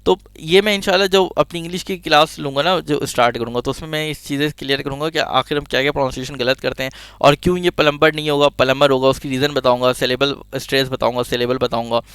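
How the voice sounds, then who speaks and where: Man teaching in a smooth, dry voice. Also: medium pitch, fairly even intonation, fast, few pauses, a bit bright, no room sound. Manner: chatty, digressive, jokey asides. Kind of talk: casual explanatory lecture.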